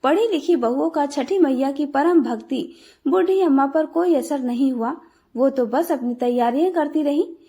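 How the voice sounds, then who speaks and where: A woman tells a devotional folk tale as a scripted narration. Her voice is high, and her delivery is steady and earnest from start to finish. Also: normal speed. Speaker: storyteller, channel host.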